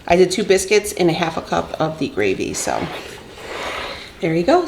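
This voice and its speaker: A woman's voice: lowish voice, slight background noise. A young woman vlogger chatting loosely as she cooks in her home kitchen, filling her talk with "like" and "um", recorded by a camera on a tripod. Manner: chatty, loose, lots of fillers. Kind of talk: casual chat while cooking.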